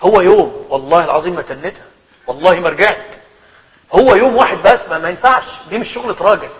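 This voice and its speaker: A middle-aged man with an Egyptian Arabic accent, an imam giving a religious lesson, animated and humorous, posing rhetorical questions and answering them himself. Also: sits high, quick pace. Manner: humorous, laughs while telling anecdotes. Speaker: imam teaching a religious book. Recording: muffled recording in a reverberant hall.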